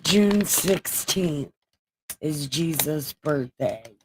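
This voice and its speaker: Slow-talking teasing woman streamer. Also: deep voice, animated, noisy background. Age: 40s. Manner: loud, teasing and joking. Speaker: livestream host. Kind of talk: casual livestream chat.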